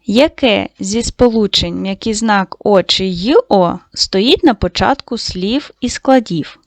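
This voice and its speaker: A woman teaching a lesson to young schoolchildren, giving slow, clearly articulated instructions. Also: mid-range voice, no echo. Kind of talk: online lesson for young children.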